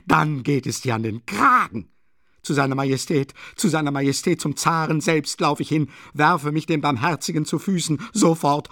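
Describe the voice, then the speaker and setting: A male audiobook reader voicing a frantic, hysterical impoverished woman who screams accusations in a high, strained falsetto. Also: mellow, dry recording, studio quality, lightly acted.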